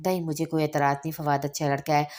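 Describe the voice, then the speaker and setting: A woman voicing an affectionate older mother who speaks softly, read out in a storybook narration. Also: sits low, flat delivery, fast talker, close to an everyday voice. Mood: gentle. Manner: soft-spoken, motherly.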